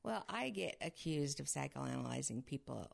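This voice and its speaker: Gravelly-voiced woman speech therapist. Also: rumbling low, very animated, normal speed. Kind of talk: casual chat.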